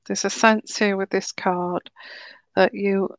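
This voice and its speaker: A tarot reader gives a live reading in a slow, soothing and reassuring way, though her throat is a little sore and croaky. Her voice is mid-range and level, with no echo.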